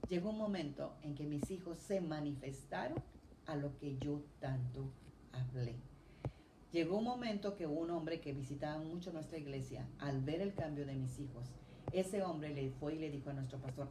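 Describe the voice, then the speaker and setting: Woman preacher, sermon, emphatic testimony, lowish voice, roomy church echo. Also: a little hiss or hum. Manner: lively testimony with rising emphatic phrases.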